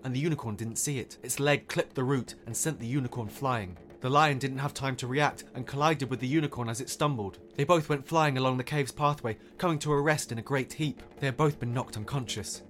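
A man who hosts a podcast, calmly narrating a fairy tale in a measured storytelling voice. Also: medium pitch. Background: music.

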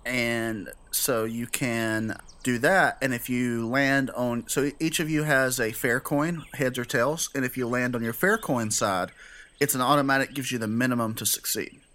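A man's voice: mid-range voice, fairly even intonation, normal speed, pushed and bright. A man working as game master, narrating a tabletop game and explaining rules in a casual, conversational way.

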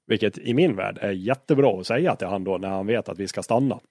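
A man with a fairly low voice spins rally anecdotes in an easygoing interview. He talks as a co-driver, swears freely and acts out old arguments. The sound is close and dry, with almost no room in it. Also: dry recording. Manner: lively storyteller, swears freely, acts out quarrels. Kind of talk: casual anecdote telling in an interview.

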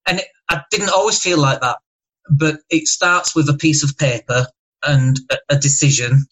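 A man's voice: on the high side, fairly even intonation, a bit bright, poor audio. Northern english guy, bit of a lisp, fired up pep talk on a podcast. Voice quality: slight lisp. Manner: emphatic, motivational, rapid asides. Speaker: podcast guest. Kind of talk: casual podcast chat.

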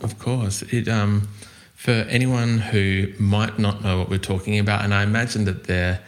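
A man's voice: fairly low pitch, level tone, moderate pace. An Australian man hosting a music podcast, chatting casually with fillers and restarts. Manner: friendly, hesitant with fillers and restarts. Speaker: podcast host. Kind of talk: casual interview chat.

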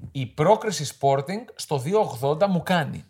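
Male podcast co-host, casual and opinionated, slightly high-pitched. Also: lively intonation, darkish tone, slightly rough. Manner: conversational, opinionated, plain-spoken. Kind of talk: casual football chat.

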